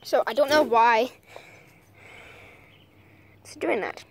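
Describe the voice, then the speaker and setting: A woman's voice: a little high, slow, slightly rough. A young woman rambling and hesitating as she films outdoors on a handheld phone. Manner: rambling, hesitant, full of "like" and "I mean". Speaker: nature vlogger. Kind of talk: casual outdoor vlog. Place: outdoors in a backyard. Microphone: handheld phone camera. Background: birds chirping faintly.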